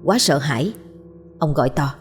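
A woman narrating a horror story in a measured, suspenseful storytelling manner. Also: deep voice, animated, faint music behind.

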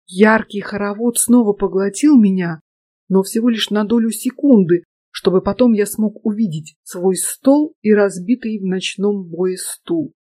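A woman narrating a first-person story in an even, steady manner. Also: mid-range voice, unhurried, dry recording. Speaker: audiobook narrator. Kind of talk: scripted narration.

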